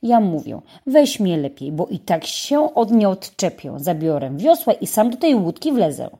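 A woman's voice: medium pitch, very animated, moderate pace, dark tone, breathy edge. A woman reading a storybook, voicing an eager, stubborn little boy who pleads insistently. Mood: indignant.

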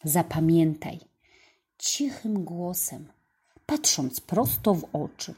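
A woman reading a storybook, voicing a kind bearded old man who gently explains a secret. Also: fairly low pitch, sing-song, slow, husky, heavily acted. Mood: hushed instructive.

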